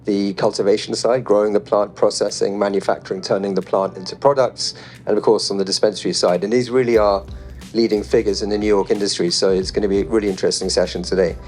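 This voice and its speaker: A man's voice: on the low side, quick pace, soft background music. Laid-back male panel moderator. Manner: relaxed and chatty, reading statistics off a phone with light jokes. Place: panel event in front of a live audience.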